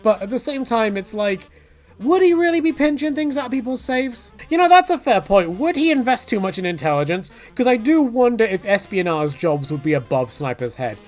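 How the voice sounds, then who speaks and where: This video creator rambles through his opinions in a jokey, chatty way, frequently dropping into mock quotes. His voice sits high with big pitch swings and moves a little fast, over soft background music.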